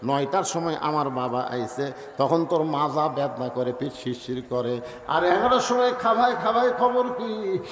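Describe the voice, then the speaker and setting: A man voicing a gentle grown son torn between wife and father, soft and pleading, in a reverberant hall. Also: on the high side, animated, moderate pace, voice pushed down, lightly acted. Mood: bitter.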